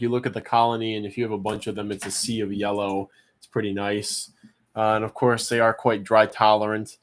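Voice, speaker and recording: A man hosting an online auction, chatting casually in a halting, rambling way as he thinks aloud. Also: fairly low pitch. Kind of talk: casual live-stream chat.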